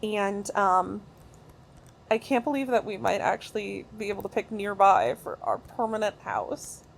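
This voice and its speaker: An excitable woman talks her way through a video game from her home recording room. Her speech rambles and doubles back, full of fillers and restarts. Her voice sits at a middle pitch, with faint ambience in the background. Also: unhurried, creaky, a little hiss or hum. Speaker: gaming video creator. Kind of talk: casual gameplay commentary.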